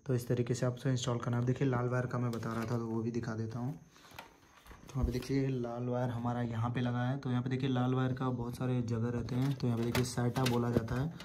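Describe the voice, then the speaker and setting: A tech tutorial host casually shows viewers how to install a hard drive at a desktop PC indoors. His medium-pitched voice runs a little fast, in a flat, steady, repetitive instructional style with fillers. It's a noisy home recording.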